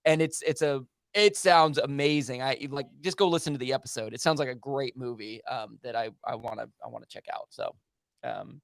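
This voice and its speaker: Man, podcast host, eager rambling chatter, mid-pitched, dry close sound. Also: fairly quick, gravelly, no room sound. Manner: enthusiastic, rambling. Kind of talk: casual podcast chat.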